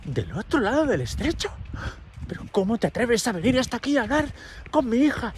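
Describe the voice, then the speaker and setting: Man playing a strict, shrill scolding mother. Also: very animated, brisk, slight background noise. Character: strict protective mother, middle-aged woman.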